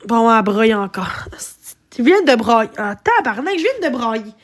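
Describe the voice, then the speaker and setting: A woman with a Québécois French accent rants casually on a live stream, agitated and rambling, swearing often as she complains. Her voice is a little high with big pitch swings, and she keeps a measured pace.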